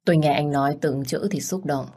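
A woman narrating a first-person love story in a gentle, emotional reading voice. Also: sits low, fairly quick.

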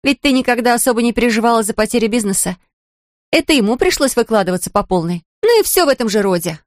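A brisk, scornful young woman, voiced by a woman narrator rattles off gossip in a bright raised voice. The audiobook sound is dry and close, with no room around it. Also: on the high side, animated, dry recording, pitched above the performer's own voice, lightly acted. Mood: chatty, scornful. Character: lively outspoken young woman friend, sharp-tongued gossip.

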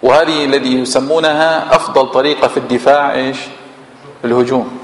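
A man's voice: mid-range voice, level tone, fairly quick, slight background noise. A man with a Levantine Arabic accent, a sheikh giving a Quran exegesis lesson in a mosque, posing rhetorical questions and answering them himself. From Syria. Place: large mosque hall. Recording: echoey mosque hall with long reverb.

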